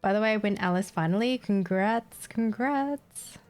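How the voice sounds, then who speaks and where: In a casual gaming live stream with soft background music, an Australian woman whose first language is Vietnamese reads chat aloud, tired, giggly and scatterbrained. Her mid-range voice is a little mellow and unhurried.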